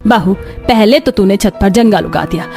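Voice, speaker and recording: A woman's voice: mid-range voice, moderate pace, dark tone, faint music behind, natural voice. A woman voicing a stern middle-aged mother-in-law who scolds her daughter-in-law in a cartoon. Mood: scolding. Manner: scolding, commanding. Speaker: voice actor. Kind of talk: cartoon voice acting.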